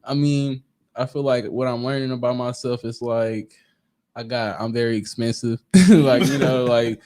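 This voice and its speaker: A man's voice: mid-range voice, fairly even intonation, moderate pace, warm tone. A man of twenty with speech, rambling casually with lots of fillers as a podcast co-host. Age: 20s. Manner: easygoing, rambling, heavy on filler "like". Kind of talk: casual group chat.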